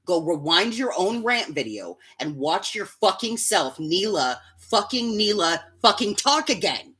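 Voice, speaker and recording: Heated, animated woman ranting on a live stream. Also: mid-range voice, unhurried. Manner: profane and heated, swings between muttering and yelling. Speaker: podcast host. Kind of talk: angry live-stream rant.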